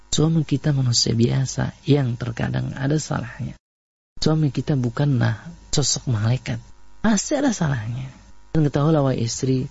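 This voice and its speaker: Indonesian male preacher, husky and gravelly tone, dull lo-fi recording. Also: mid-range voice, no room sound. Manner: repetitive, animated storytelling with acted quotes. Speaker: Islamic preacher. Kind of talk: radio-style sermon on marriage.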